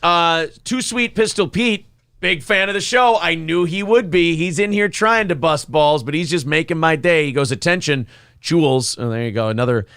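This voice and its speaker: A man's voice: on the high side, normal speed, fairly bright tone, clean tone, no echo, studio quality. A man hosting a live talk show, bantering and answering listeners in a cocky, taunting, mock-apologetic way, with profanity.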